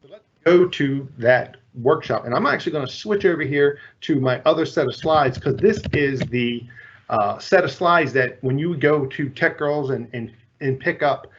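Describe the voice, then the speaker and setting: A man co-presents a webinar in a relaxed, chatty way, dropping easy joking asides. His voice has a middling pitch. The sound is a little dull, as on an online call. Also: moderate pace, a little hiss or hum. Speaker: workshop trainer. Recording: slightly muffled online call audio.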